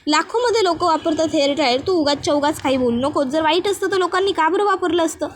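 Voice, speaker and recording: A woman's voice: very high-pitched, fast talker, a little hiss or hum. A woman doing a coaxing, playful young husband. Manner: coaxing, scolding lightly.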